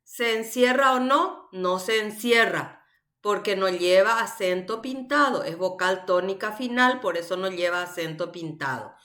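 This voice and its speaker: Slow, patient woman teacher. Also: mid-range voice, lively intonation, fairly bright tone. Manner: patient, explains step by step with checking questions. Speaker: university language teacher. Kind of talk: recorded online class.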